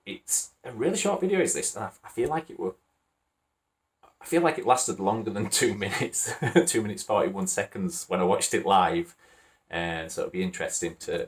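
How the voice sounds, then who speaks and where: A man with a Wakefield accent, rambling casually and chuckling as he hosts a reaction video. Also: low-pitched. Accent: Wakefield, Yorkshire. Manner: rambling and chatty, chuckles often.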